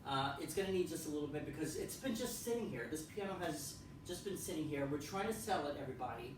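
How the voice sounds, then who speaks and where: A man rambles casually through a tour of his pianos at home, repeating himself and filling pauses with ums. He sounds set back from the mic in a strongly echoing room, with noise audible behind him. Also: on the high side, lively intonation. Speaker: piano vlogger. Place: room in a house. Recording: echoey room, far from the mic.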